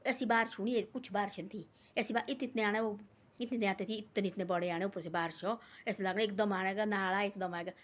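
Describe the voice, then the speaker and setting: A woman's voice: mid-range voice, steady tone, a little fast. Older woman, rambling village storyteller, repeats herself, scolds in asides.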